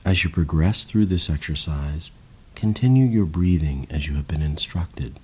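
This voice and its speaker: A man guiding a slow, calm breathing and body relaxation exercise in a soothing voice. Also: extremely low pitch, husky. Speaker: meditation guide. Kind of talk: guided relaxation narration.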